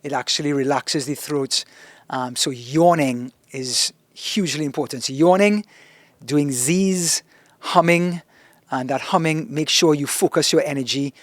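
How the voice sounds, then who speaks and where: A man's voice: a little high, dry recording. A man with a strong accent, a guest on a podcast, patiently explaining voice routines and demonstrating humming. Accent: strong accent, self-described as thick. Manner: instructive, deliberate, demonstrates vocal warm-ups by humming. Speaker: guest broadcaster giving advice. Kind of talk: podcast interview.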